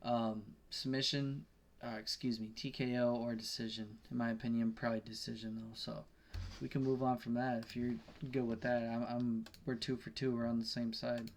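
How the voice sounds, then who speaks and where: A man's voice: mid-range voice, level tone, normal speed, a little hiss or hum. A man co-hosting a podcast, chatting casually about his betting picks, rambling, swearing and correcting himself as he goes. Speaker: podcast co-host.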